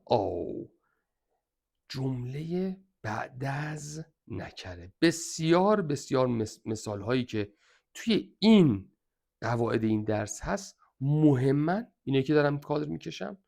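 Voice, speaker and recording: Male teacher, Iranian Persian accent, gravelly voice, emphatic exam review lesson. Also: medium pitch, sing-song, darkish tone. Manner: emphatic, repeats "very important" often.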